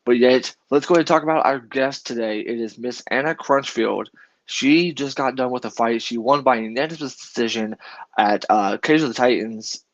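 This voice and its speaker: A man's voice: mid-range voice, moderate pace. Male host, rambling, stumbles a lot, muffled lo-fi sound. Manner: rambling, stumbling over words. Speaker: interview host. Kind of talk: casual interview. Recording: dull lo-fi audio.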